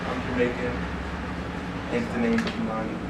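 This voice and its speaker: A man's voice: mid-range voice, completely flat delivery, moderate pace. A man in his twenties from New York introducing himself casually, playful and correcting himself as he talks. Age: 20s. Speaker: participant at a storytelling circle. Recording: distant mic in echoey room, loud noise.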